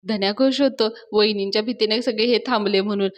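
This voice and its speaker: A woman's voice: mid-range voice, fast talker. A woman reviewing a TV serial, retelling the episode in a chatty style and speaking to her viewers. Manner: chatty storytelling, addresses viewers directly.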